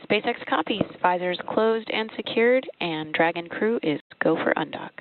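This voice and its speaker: A woman's voice: on the low side, animated, normal speed. A woman working as a spacecraft ground controller, giving clipped, formal callouts over a crackly radio loop. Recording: tinny radio line with static.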